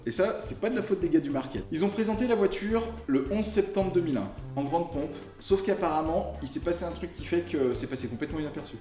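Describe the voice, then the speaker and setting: Higher-pitched man, jokey car reviewer. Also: mellow. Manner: jokey, colloquial, tongue-in-cheek. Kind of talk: casual car review to camera. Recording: roomy echo with music underneath. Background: music.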